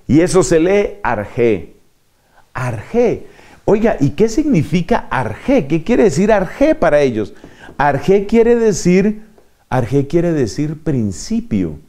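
Male preacher, teaching sermon, mellow voice, lively swinging pitch, acts out little dialogues. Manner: didactic, acts out little dialogues and asks rhetorical questions.

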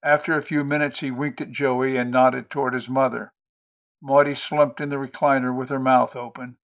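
A man narrating a book chapter for a podcast. His reading is steady and measured, with a voice of ordinary middle pitch. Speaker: audiobook host and reader. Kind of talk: audiobook narration.

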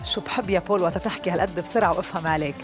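A woman's voice: on the low side, very fast, over music. A woman with a Lebanese accent hosting a live TV lottery show in a chatty way from a studio. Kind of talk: live TV presenting. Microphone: headset.

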